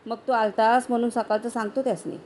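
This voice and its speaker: A woman's voice: fairly high pitch, flat delivery, fast, darkish tone, slight background noise, close to an everyday voice. A woman voicing a blunt village housewife who speaks in plain rural dialect. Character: blunt village wife of blacksmith.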